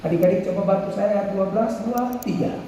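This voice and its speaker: A man's voice: high-pitched, a little fast. A male pastor preaching to young people. He tells a story and leads the crowd in call-and-response. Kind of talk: sermon to youth. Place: large school hall, indoors. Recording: echoey hall, distant mic, faint room noise.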